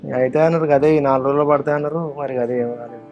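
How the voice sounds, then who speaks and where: A man's voice: mid-range voice, fairly even intonation, racing, lo-fi sound, music in the background, close to an everyday voice. An actor playing a middle-aged father, complaining about his debts and nagging his son.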